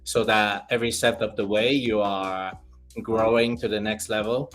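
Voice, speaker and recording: A man's voice: fairly low pitch, steady tone, moderate pace, fairly bright tone, faint music behind. A man co-hosting a casual crypto chat who hesitates, repeats himself and laughs easily. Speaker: co-host.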